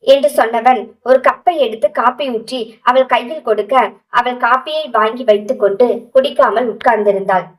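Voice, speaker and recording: A woman reading a romantic audio novel aloud as narrator, in a steady, even storytelling manner. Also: a little high, moderate pace, recorded from a distance, low-quality recording.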